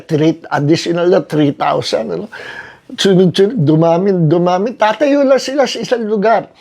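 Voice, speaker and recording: A middle-aged Filipino man, a pastor, giving a relaxed Bible study talk, mixing in English terms and tagging his points with quick questions to listeners. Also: high voice. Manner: chatty, mixes English terms, frequent "no?" tag questions, chuckles. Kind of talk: conversational Bible study teaching. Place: online livestream Bible study.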